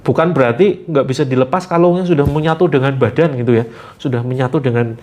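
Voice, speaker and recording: A man hosting a live spiritual therapy session, giving gentle instructions with light jokes. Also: mid-range voice, fast.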